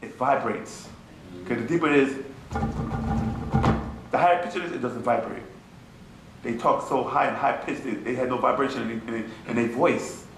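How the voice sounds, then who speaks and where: A man teaching an informal class to a small audience. He talks in an animated, mocking way and keeps asking his listeners "you feel me?". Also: medium pitch, moderate pace, long pauses. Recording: echoey room with faint ambient noise.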